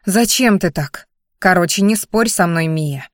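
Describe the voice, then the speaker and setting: A woman's voice: fairly low pitch, unhurried, no echo, clean studio sound, natural voice. A woman voicing a pushy older mother who keeps insisting her daughter marry. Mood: insistent. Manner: insistent, scolding.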